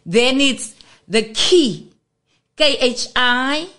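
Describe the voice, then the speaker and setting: South African woman guest, slow, patient teacher voice, fairly high, radio lesson. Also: expressive, bright, forceful tone. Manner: patient, explains and spells out letters slowly.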